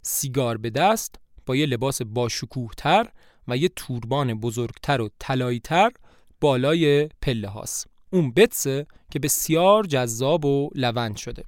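A man narrating the story of a play for a podcast in a lively, animated way. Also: medium pitch, dry recording, clean studio sound.

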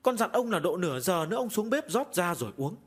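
A man's voice: high-pitched, very animated, moderate pace, husky, pitched above the performer's own voice, full character voice. A man voicing a timid young female servant who stammers and speaks deferentially, in an audio storybook. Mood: urgent.

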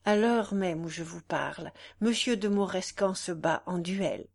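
A woman's voice: lowish voice, unhurried, vocal fry, a little mellow. A woman reading the part of an anxious young married noblewoman who speaks curtly, with tense hesitation. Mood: urgent.

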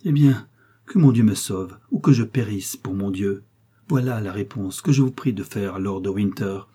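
A man's voice: on the low side, normal speed, dark tone, husky. A man voicing a proud, scheming woman prisoner who speaks with cold haughtiness and feigned fervor. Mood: haughty indignation.

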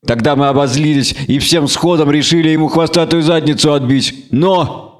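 A man's voice: on the high side, moderate pace, voice pushed up, close to an everyday voice. A man voicing Krapivka, a rambling village peasant. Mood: earnest. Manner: folksy, rambling, earnest. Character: anxious talkative middle-aged village man.

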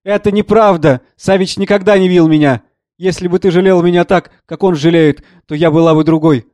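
A man's voice: high-pitched, steady tone, brisk, darkish tone, no echo, lightly acted. A man voicing a tearful, resentful middle-aged wife and mother who pleads and accuses. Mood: distraught.

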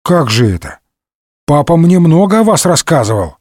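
A man's voice: a little high, sing-song, normal speed, a little mellow, dry recording, studio quality. A man voicing a dim-witted, sniffly young male rascal with eager chatter, in a comic audiobook.

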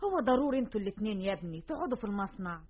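A woman's voice: mid-range voice, very animated, very fast, slightly rough. An actress with an Egyptian Arabic accent playing an older, protective mother in a radio drama, coaxing and pleading with her sons. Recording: dull lo-fi radio recording.

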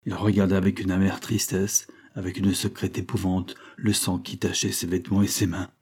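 A man narrating a historical tale as an audiobook, in a measured, dramatic reading. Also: low voice, flat delivery, darkish tone, breathy edge.

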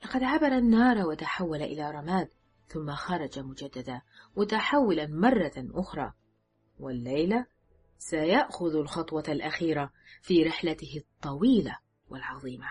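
A woman narrating an audiobook thriller in a measured, dramatic reading. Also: sits low, expressive, a little mellow, breathy edge, faint music behind. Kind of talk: scripted narration.

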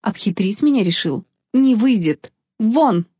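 A woman reading an audiobook voices a drunk, jealous, haughty sorceress with shrill, mocking speech. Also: expressive, a little slow, mellow, breathy edge, no room sound, studio quality. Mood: furious. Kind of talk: audiobook character voice.

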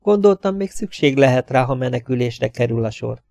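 A man's voice: medium pitch, lively intonation, creaky, dark tone, no echo, clean studio sound. A man reading a resourceful young woman agent's lines in an audiobook, urgent and raised.

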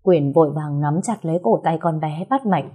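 A young woman tells a story with steady, expressive narration. Her voice sits low and dark, with a husky edge. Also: fairly quick.

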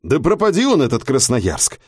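Man voicing a crude lout, gruff and offhand, dry close audiobook. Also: medium pitch, huge pitch swings, moderate pace, no echo, voice pushed up. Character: coarse male working-class lout.

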